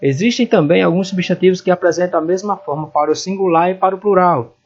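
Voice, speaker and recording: Husky teacher spelling words aloud. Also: male voice, high voice, fast talker, dull audio. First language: Portuguese. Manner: explains in Portuguese and spells out English words letter by letter. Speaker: English teacher. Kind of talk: grammar lesson walkthrough.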